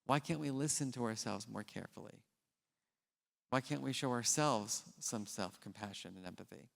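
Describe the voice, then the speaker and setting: Male keynote speaker, mid pitch, animated and casual, recorded in a theater with long reverb. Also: moderate pace, gravelly. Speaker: scientist. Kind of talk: conference keynote with storytelling. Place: large theater stage.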